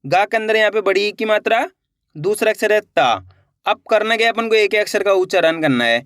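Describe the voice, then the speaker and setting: A man's voice: sits high, expressive, brisk, fairly bright tone, no room sound, studio quality. A man teaching a reading lesson online, sounding out each word syllable by syllable before blending it, and asking his learners questions to coax them along. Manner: spells words syllable by syllable, then blends them; coaxing, asks learners questions and urges them to try.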